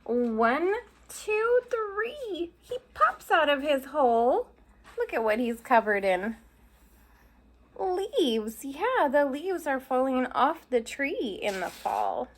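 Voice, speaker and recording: Reading a storybook to young children, this female teacher speaks slowly in a high-pitched voice with big swings in pitch. She stops now and then to point at the illustrations and explain what they show.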